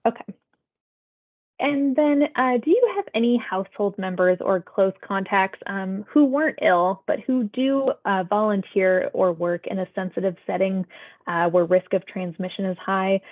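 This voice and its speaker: A woman with a medium-pitched voice works as a public health phone interviewer, putting survey questions in a polite, procedural, conversational manner at a moderate pace. The audio is tinny and sounds like a phone line.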